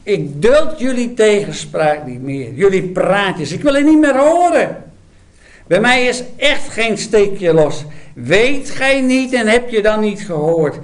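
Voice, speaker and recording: A man's voice: high voice, voice pushed up, heavily acted. Man voicing a fervent insistent prophet. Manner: insistent, proclaiming.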